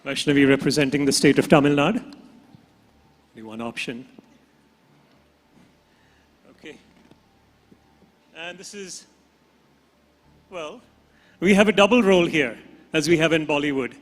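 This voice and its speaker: A man's voice: a little high, a little slow, pauses often. A man with an Indian accent hosting a live pageant on stage. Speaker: pageant host. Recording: long hall reverb from stage PA.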